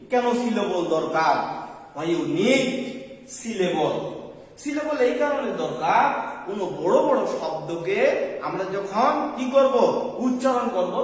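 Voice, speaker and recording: A male teacher from Bangladesh giving a grammar lesson, asking questions and answering them himself. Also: high voice. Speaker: English teacher. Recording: echoey hall from far off.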